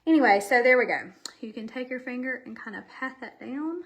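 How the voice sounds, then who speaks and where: A woman's voice: a little high, expressive, a little fast. A woman, chatting casually and a little out of breath while hosting a makeup live stream from home, rambling and talking straight to her viewers. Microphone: camera facing her.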